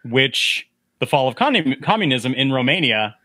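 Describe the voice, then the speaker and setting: Bright, lively man chatting about a film. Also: mid-range voice, moderate pace, no room sound. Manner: animated, acts out quotes in a breathy whisper. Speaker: podcast host. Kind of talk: casual film discussion.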